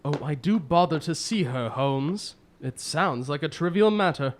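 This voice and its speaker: A woman's voice: deep voice, expressive, unhurried, noisy background. A woman playing an earnest, fussy, easily shocked male doctor in a radio drama, hesitant and very proper.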